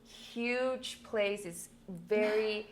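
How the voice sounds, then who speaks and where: A woman's voice: mid-range voice, extremely slow, background noise. A woman who works as a somatic intimacy coach, explaining her work in an earnest way during a casual conversation.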